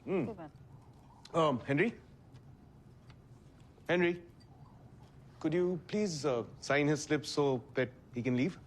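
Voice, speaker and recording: A man's voice: fairly high pitch, slow, pauses often, slight background noise. An actor playing a cheeky young man running a prank, teasing with mock innocence.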